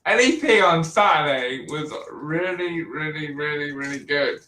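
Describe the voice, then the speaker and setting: A man hosting a casual wrestling chat, relaxed and chatty, laughing often. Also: on the high side, unhurried. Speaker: podcast host. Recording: roomy echo, distant mic.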